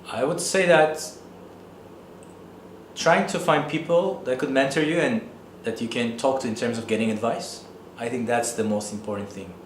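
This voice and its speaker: A man's voice: medium pitch, measured pace, roomy sound, slight background noise. A man in his thirties from Turkey with a Turkish accent, an economics professor answering interview questions thoughtfully, with many fillers.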